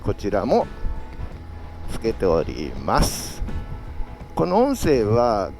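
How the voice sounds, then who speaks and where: Guy rambling on his motorbike vlog inside his helmet, pitch really up and down, music in the back. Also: huge pitch swings, slow, creaky, a little mellow. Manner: talking inside a full-face helmet. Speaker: motovlogger. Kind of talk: casual solo vlog chat while riding. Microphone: action camera with external mic adapter.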